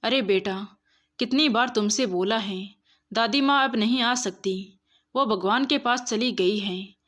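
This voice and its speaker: A woman voicing an affectionate, gently firm father in a storybook reading. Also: a little high, measured pace. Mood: coaxing. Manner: affectionate, coaxing. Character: loving father, gently firm with his son.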